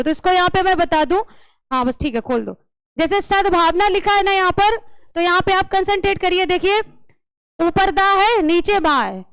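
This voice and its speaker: A woman's voice: very high voice, a bit bright, no echo. A woman teacher taking a class through a grammar lesson, asking questions and repeating the answers. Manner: slow, drilling questions and answers.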